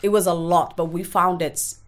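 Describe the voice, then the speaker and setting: A woman's voice: fairly low pitch, steady tone. A woman from Somalia, a podcast guest, talking frankly and earnestly in a candid interview. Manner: frank and earnest, speaks in quick bursts with blunt asides.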